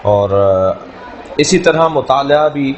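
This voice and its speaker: Man lecturing in a measured way. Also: fairly high pitch, expressive, a little hiss or hum. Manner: measured, explains with analogies and repeats key words. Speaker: teacher. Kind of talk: classroom lecture.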